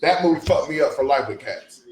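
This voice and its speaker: A man's voice: on the high side, expressive, fairly quick, roomy sound, poor audio. A man in a casual group chat, talking bluntly and swearing heavily. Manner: profane, blunt, emphatic.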